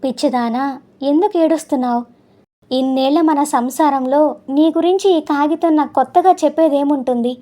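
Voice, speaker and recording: A woman voicing a gentle middle-aged husband who speaks softly and steadily to his upset wife in a storybook reading. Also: high-pitched, normal speed, natural voice. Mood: tender. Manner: soft, soothing, steady.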